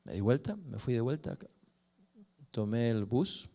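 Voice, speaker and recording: Older man, pastor, sermon testimony, middle pitch, expressive storytelling. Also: unhurried, gravelly. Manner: storytelling, expressive, rises and falls with emotion. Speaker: pastor and family counselor.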